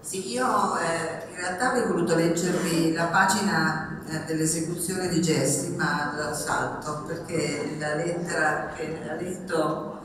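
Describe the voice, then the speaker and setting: A woman reading passages of a memoir aloud at a public event, expressive and rising in pitch on the lively parts. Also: measured pace, crowd noise. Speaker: reader at a book event. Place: public event in a reverberant hall. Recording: echoey hall, mic far off.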